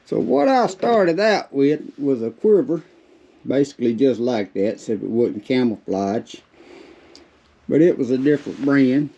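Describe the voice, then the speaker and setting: A Southern-accented man with a medium-pitched, warm voice hosts a homespun how-to vlog from a shed. Chewing tobacco tucked in his lip slightly muffles his drawling, informal speech, and the distant mic gives a dull, lo-fi recording.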